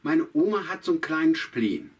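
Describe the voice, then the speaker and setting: A man voicing Hannes, an eager, excitable young farm-boy puppet with a high, fussy voice in a puppet show. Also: fairly quick, lightly acted. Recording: distant mic, faint guitar music.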